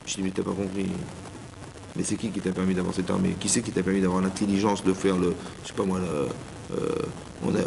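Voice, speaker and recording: A man giving an informal Torah class as a rabbi, animated, speaking straight to his listeners and acting out little dialogues. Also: on the low side, creaky. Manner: animated, addresses listeners directly, acts out dialogues. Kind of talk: informal sermon. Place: community hall. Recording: reverberant hall, faint background noise.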